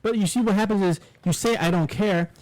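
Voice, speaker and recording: Heard on a low-quality recording, a high-pitched, darkish male voice talks a little fast. He is a New York podcast co-host and native English speaker, chatting casually in a rambling, opinionated way full of swearing and restarts.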